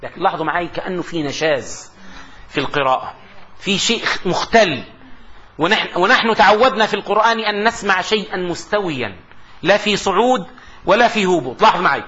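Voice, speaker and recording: A man giving a classroom lecture on grammar. He asks the class rhetorical questions and slowly recites his examples. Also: sits high, bright, forceful tone. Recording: dull lo-fi lecture recording.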